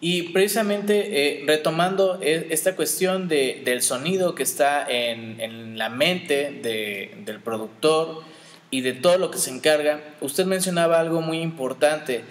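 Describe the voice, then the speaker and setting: Formal interviewer in an echoey hall. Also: male voice, on the high side, a little slow. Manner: formal, hesitant phrasing with fillers. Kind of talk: interview question.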